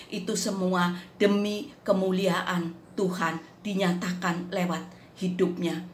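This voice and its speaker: A woman telling a faith testimony in an unhurried, earnest devotional manner. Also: fairly low pitch. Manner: unhurried, earnest storytelling that acts out quotes. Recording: roomy echo with faint background noise.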